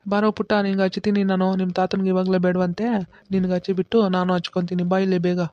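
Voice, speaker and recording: A man's voice: high voice, completely flat delivery, fast talker, darkish tone, no room sound, highs cut off, natural voice. A man voicing a patient village father in a cartoon who explains the ritual step by step and keeps checking that he is understood. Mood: instructive. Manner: instructive, keeps asking "okay?". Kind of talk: cartoon voice acting.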